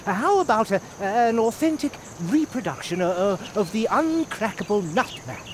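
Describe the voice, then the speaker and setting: An old travelling mouse merchant from a video game. He sells with grand, hammy theatrical flourishes and stammers, his pitch leaping about. Clear insect ambience sits behind him. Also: sing-song, moderate pace, noisy background. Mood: nostalgic, flustered. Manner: theatrical hammy stage-actor delivery, stammering sales patter. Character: hammy elderly male mouse travelling merchant, fawning salesman. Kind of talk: video game character acting.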